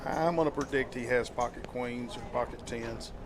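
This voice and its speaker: A man's voice: medium pitch, normal speed, a crowd in the background. A man co-commentating a live poker game, breaking down what each player holds and intends. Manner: analytical, reads players' intentions.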